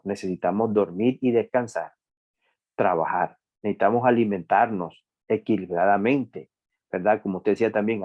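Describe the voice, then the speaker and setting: Lively man pastor teaching Bible study. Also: fairly low pitch, phone-quality sound. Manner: animated, acts out everyday people in anecdotes; many hesitations and restarts. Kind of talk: Bible study review conversation.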